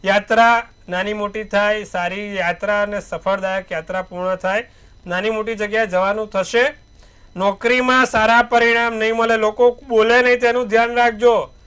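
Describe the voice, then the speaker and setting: A man's voice: high voice, steady tone, normal speed, a bit bright, smooth. A man giving an astrologer's daily horoscope and tarot reading, advising in repetitive, proverb-like phrases.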